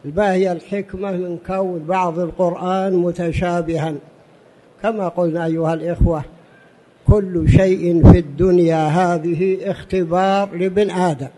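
A man giving a religious lesson in formal standard Arabic as a teacher, in a deliberate, didactic manner with repetition and rhetorical questions. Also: high voice, fairly even intonation, mellow, poor audio. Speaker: religious teacher addressing a study gathering.

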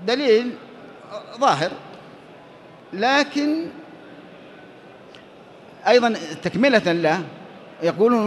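A man giving a classroom lecture on Islamic law, explaining step by step and posing questions he then answers himself. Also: sits high. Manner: explanatory, asks and answers his own questions. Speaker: teacher of Islamic jurisprudence.

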